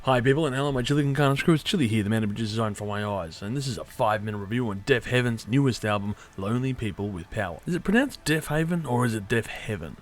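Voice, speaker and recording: A man's voice: lowish voice, fast, few pauses. A man delivering a scripted album review in a sarcastic, irreverent way with casual swearing. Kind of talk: scripted music review monologue.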